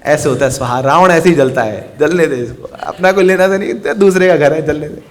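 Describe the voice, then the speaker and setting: A man's voice: a little high, a little fast, long reverb tail, lightly acted. A man voicing a distraught businessman father who wails and swings between tears and glee. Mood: gleeful. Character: distraught middle-aged businessman father, emotional.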